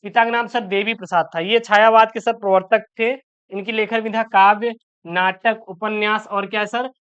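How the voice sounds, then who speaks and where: Guy teacher going over an exam paper, smooth clear voice, kinda dull lo-fi recording, keeps saying sir. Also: sits high, fairly even intonation, moderate pace, fairly bright tone. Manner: asks questions aloud and answers them himself; keeps tossing in "sir" as a filler. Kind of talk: exam-prep Hindi lesson.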